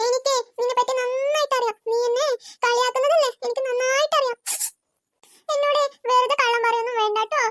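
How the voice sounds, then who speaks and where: A woman's voice: very high-pitched, steady tone, fast talker, fairly bright tone, dry recording. A woman voicing a touchy young cartoon girl who sulks and accuses others of mocking her. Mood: accusing. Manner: accusing, sulking, repeating herself. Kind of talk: cartoon voice acting.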